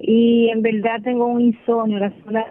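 A woman's voice: fairly high pitch, level tone, moderate pace. A woman from the Republic, calling in over a crackly, breaking-up phone line to ask a doctor about her health. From Dominican Republic. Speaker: caller. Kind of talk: call-in question to a doctor. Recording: tinny, choppy telephone line.

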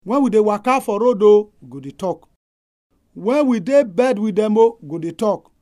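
Mellow Nigerian Pidgin male pastor, dry recording. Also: high voice, expressive, normal speed, dry recording. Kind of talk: family-life sermon.

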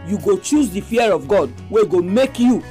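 Casting: female radio host, Nigerian Pidgin, mid-pitched, speaking straight to listeners in a faith-based family talk, music underneath. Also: animated, moderate pace, warm tone. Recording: music behind the voice.

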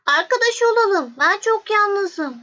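Little Prince, a woman voicing a high gentle boy. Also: animated, slow pace, dull audio, full character voice. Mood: lonely.

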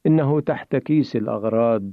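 A man's voice: mid-range voice, quick pace, no echo, natural voice. A hurt young rafter pushes out each line with effort, as a male narrator puts him on. His voice sits a little above the storyteller's plain reading. It is dry and thin, like a phone line. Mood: strained. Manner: forcing words out with difficulty. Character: injured young man, strained and hesitant. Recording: tinny phone-like dry recording.

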